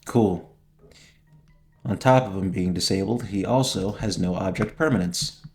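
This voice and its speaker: Joking young man with a lowish voice. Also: measured pace, faint music behind. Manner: joking, slangy, reacts out loud. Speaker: gaming streamer. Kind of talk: casual gameplay commentary.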